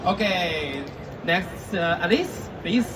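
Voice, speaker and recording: A man's voice: high-pitched, expressive, slow pace. A man moderating a live conference panel, cheering on and introducing each guest in an upbeat way. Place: conference stage. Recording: distant mic in a noisy event hall.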